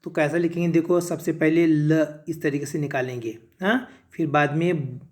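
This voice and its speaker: A man teaching first graders to read, slowly sounding out letters and syllables one by one and blending them into words. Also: a little high, fairly even intonation, darkish tone. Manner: slow, drawn-out syllable sounding for children. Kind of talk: first-grade reading lesson. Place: classroom.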